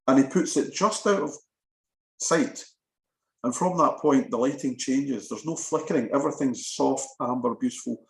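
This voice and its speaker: A man's voice: mid-range voice, echoey room, rough recording. A man giving a talk on film history in a conversational, digressive way, sometimes reading lines aloud to test where the stress falls. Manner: conversational, digressive, quotes lines with shifting emphasis. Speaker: lecturer. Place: lecture room.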